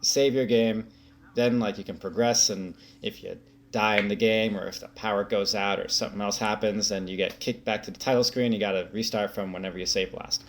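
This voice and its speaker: A man's voice: lowish voice, steady tone, brisk, a little hiss or hum. A man co-hosting a podcast who explains things casually in an upbeat way. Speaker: podcast co-host. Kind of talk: casual chat.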